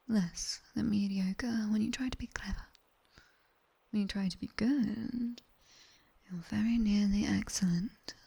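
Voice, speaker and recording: Close on a binaural mic, a British woman plays a strict, teasing, seductive demoness tutor in an intimate ASMR roleplay. She whispers breathily, her delivery condescending yet coaxing, stern and teasing. Her mid-range, dark-toned voice is heavily acted.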